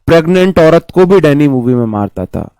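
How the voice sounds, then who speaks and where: Hoarse male teacher, sore throat. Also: fairly high pitch, animated, fairly quick, warm tone, no echo. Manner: chatty, repeats himself, calls students "bhai". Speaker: exam coaching teacher. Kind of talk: online vocabulary class. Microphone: mic placed close.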